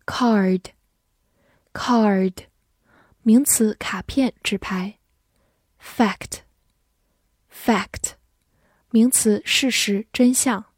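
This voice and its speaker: A woman teaching English vocabulary at a very slow, deliberate pace, saying each word twice with care. Her voice is mellow and warm. It is recorded dry on a close mic. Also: medium pitch, no echo. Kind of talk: vocabulary drill.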